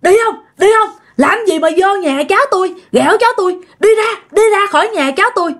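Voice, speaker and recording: A woman's voice: extremely high pitch, quick pace, voice pushed up. A woman voicing an old woman scolding away a spirit. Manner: scolding, shouting.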